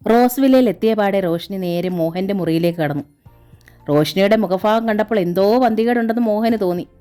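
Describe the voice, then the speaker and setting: A woman narrating a serialized novel in a steady, measured storytelling voice. Her pitch is middling and unremarkable, and soft music runs faintly underneath.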